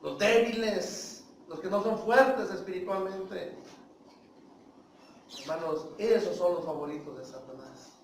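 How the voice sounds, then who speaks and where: A man with a Mexican Spanish accent preaches emphatically in a church hall, his high, gravelly voice unhurried as he repeatedly calls out "hermanos" and puts questions to the congregation. Captured from far off, the sound is very echoey, with a little hiss or hum.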